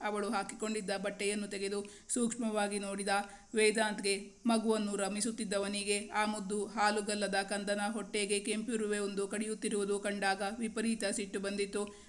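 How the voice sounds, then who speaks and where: A woman's voice: medium pitch, monotone, moderate pace. A woman narrating a romance novel as an audiobook storyteller, reading steadily and evenly.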